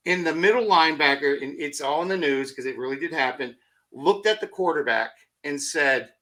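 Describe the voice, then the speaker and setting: Bright, energetic middle-aged man telling stories. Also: on the high side, moderate pace. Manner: energetic storyteller with rhetorical questions; acts out his own thoughts in quoted asides. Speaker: podcast guest. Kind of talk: motivational podcast conversation.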